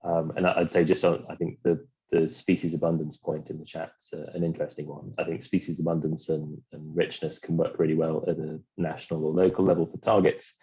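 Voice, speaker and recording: A man's voice: very deep voice, little pitch movement, fairly quick, hardly any pauses, dark tone, breathy edge, highs cut off. A man answering on a webinar panel over a video call, informal and blunt with his examples. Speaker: policy expert.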